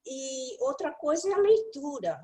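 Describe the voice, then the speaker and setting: Lively high-voiced woman English teacher. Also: unhurried, low-quality recording. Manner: animated, playful, talks directly to the listener. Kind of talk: mentoring talk with study tips.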